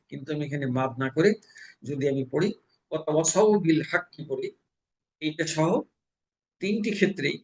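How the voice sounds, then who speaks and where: A man from Bangladesh teaching Quran recitation, explaining pronunciation rules and slowly chanting example verses. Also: a little high, low-quality recording. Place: mosque.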